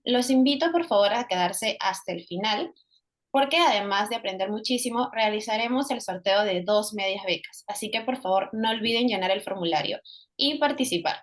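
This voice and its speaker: A woman's voice: medium pitch, expressive, normal speed. A woman hosting an online event, reading a formal introduction of the guest speaker. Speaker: event host. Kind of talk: scripted announcement.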